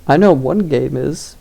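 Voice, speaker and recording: A man's voice: a little high, creaky, warm tone. A young man giving casual tier-list commentary, rambling and hesitant with lots of fillers and chuckles. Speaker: YouTuber ranking games.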